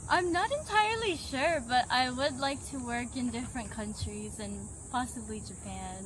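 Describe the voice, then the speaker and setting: A young woman answers questions on a street, her voice a little high. She speaks softly and hesitantly, trailing off at the ends of her answers. Clear street noise fills the background. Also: moderate pace. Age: young adult. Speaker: exchange student. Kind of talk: street interview. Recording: noisy street recording.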